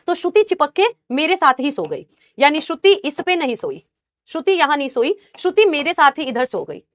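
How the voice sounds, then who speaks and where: A young woman teacher telling a personal story in a casual, animated way, addressing listeners like her students. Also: high voice, no echo, dull audio.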